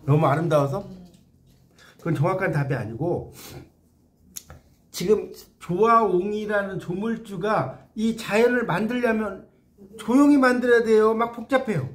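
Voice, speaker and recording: A man's voice: sits high, moderate pace. A man giving a classroom lecture on classical poetry, explaining it line by line and often putting questions to his listeners. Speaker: literature lecturer.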